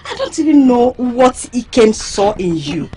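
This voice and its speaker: Loud mocking village girl, high swoopy voice, noisy bg. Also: big pitch swings, a little slow. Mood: scornful. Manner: loud, scornful and taunting. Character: sharp-tongued young village woman, bold and mocking. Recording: noisy background.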